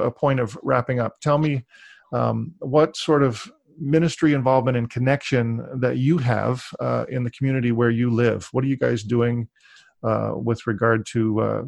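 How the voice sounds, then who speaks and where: Gravelly-voiced male interview host. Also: mid-range voice, no echo. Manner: rambling, many fillers and restarts. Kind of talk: casual interview conversation.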